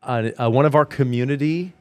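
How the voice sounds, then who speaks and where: A male news anchor in casual, playful chat with his co-host. He jokes and rambles, stops and restarts his sentences, and talks at a middling pitch. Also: brisk, smooth, dry recording. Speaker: news anchor co-hosting a community podcast.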